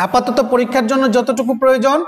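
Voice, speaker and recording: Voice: high-pitched, level tone, quick pace. A teacher giving a recorded grammar lesson, constantly asking students rhetorical questions and repeating sounds. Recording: echoey room with long reverb.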